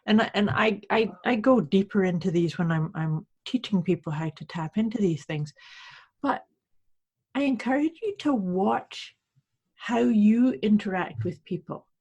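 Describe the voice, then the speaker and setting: A woman from Canada with a rather husky voice at a middle pitch. She hosts a podcast as a coach, explaining things conversationally and choosing her words in a polite, measured way. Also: animated, a little mellow, lo-fi sound. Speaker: podcast host, intuition coach. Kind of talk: conversational teaching.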